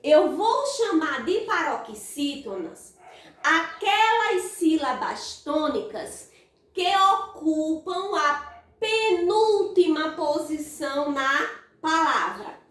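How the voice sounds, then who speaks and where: Her pitch is high and swings widely, her pace slow and her tone fairly bright as this Brazilian Portuguese-accented woman teaches grammar to primary schoolchildren. Stressed syllables get drawn out in sing-song calls, and the echoey room leaves her voice sounding far off the mic.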